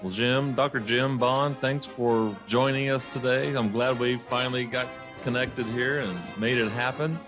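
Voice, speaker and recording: A man's voice: mid-range voice, fairly even intonation, normal speed, few pauses, over music. A man in his late fifties hosting a podcast interview in an affable, encouraging way. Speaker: podcast host. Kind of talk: casual interview.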